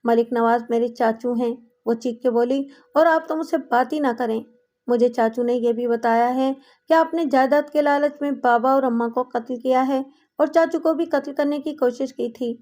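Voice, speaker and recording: A woman reading a teenage girl who turns on her brother and shouts her accusations in a shrill, high voice. it sounds like an audiobook reader voicing the girl in her own register. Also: natural voice. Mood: defiant. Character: teenage girl, defiant then frightened.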